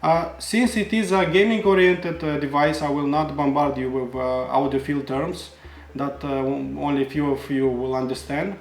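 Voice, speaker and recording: A man's voice: fairly high pitch, steady tone, normal speed. A man narrating a product review of audio gear, explaining features earnestly and giving his own opinions. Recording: roomy echo.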